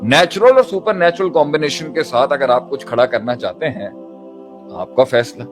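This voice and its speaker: Over background music, a man with a mid-range voice preaches motivationally at a normal speed. Repeated rhetorical phrases push his point, and he mixes English terms into his speech.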